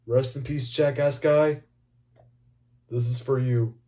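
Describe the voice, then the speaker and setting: A man rambling through a casual, profanity-laced movie review, swinging between excited and mumbling. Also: medium pitch, slow. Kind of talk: casual video commentary.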